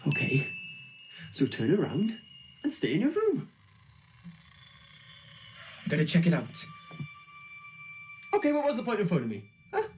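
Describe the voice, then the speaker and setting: A man playing a nerdy exposition guy in a low-budget zombie film, with stilted bad acting and a tone that doesn't match the words. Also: wildly swooping pitch, unhurried, pauses often, darkish tone, faint music behind, exaggerated voice. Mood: puzzled.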